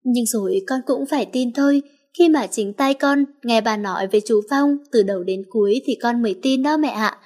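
A woman's voice: fairly high pitch, normal speed, darkish tone, lightly acted. A woman voicing a hurt little boy of about five who pleads tearfully with his new mother in an audiobook story. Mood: pleading.

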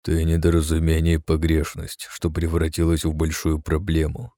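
Male narrator doing a deep, flat, quietly menacing archmage in an audiobook. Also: dry recording, clean studio sound. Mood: cold. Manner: quiet, slow, flat threats.

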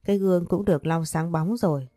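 A woman's voice: on the low side, fairly quick, dark tone, dry recording, studio quality. A woman narrating a first-person romance story in an earnest, emotional way.

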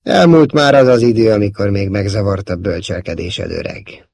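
A man doing a scornful dark lord. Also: on the low side, expressive, husky, no echo, studio quality, exaggerated voice.

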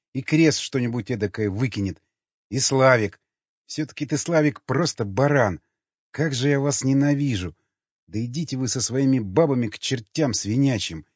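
A man's voice: mid-range voice, breathy edge, no echo. A man voicing a bitter, angry young man muttering spiteful curses to himself in an audiobook. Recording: dry, slightly dull recording.

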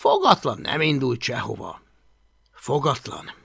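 A man reading a children's fantasy audiobook aloud with expressive storytelling. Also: medium pitch, gravelly, dry recording, clean studio sound. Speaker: audiobook reader. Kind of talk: audiobook narration.

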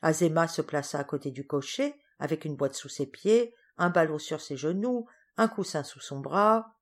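A woman reading a storybook aloud in measured, even narration. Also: low-pitched. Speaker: audiobook reader.

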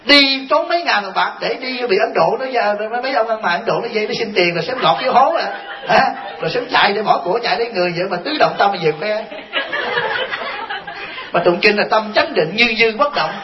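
A man's voice: high voice, animated, quick pace, crowd noise. A man, a Buddhist monk giving a folksy, joking dharma talk full of rhetorical questions. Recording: dull lo-fi recording.

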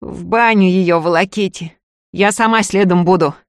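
A woman voicing a fierce old village wise woman with a hoarse, strange voice in a storybook reading. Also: on the low side, moderate pace, no room sound, clean studio sound, natural voice. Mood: stern.

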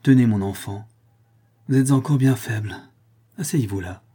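A man voicing a tender, emotional noble lady in a soft, breathy, half-whispered manner, for an audiobook. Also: medium pitch, moderate pace, lightly acted. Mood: gentle. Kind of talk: audiobook reading.

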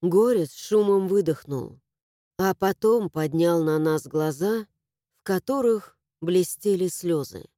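A woman narrating a fantasy novel in the first person, expressive and emotional. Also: lowish voice, slow pace, dry recording, clean studio sound. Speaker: audiobook narrator.

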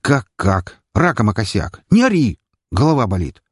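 A rude, commanding young hero, as a man puts him on, talking in clipped orders. His voice is low and husky, recorded dry and close, as in an audiobook. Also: very animated, moderate pace, dry recording. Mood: curt. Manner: curt, barking orders.

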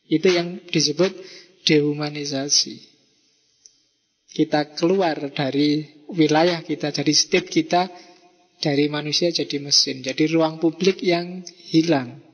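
A man's voice: a little high, unhurried, long pauses, highs cut off. Javanese-accented man lecturing in a reverberant hall. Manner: lively, mixes in Javanese, acts out quoted messages. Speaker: philosophy lecturer. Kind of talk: lecture to students. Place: mosque hall.

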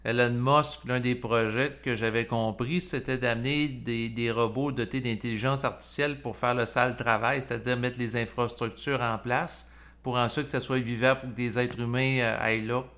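Man w hosting a chat, slow careful talk, lots of euh. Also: medium pitch, fairly even intonation, a bit bright. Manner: measured, hesitant, restarts with "euh". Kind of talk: casual discussion.

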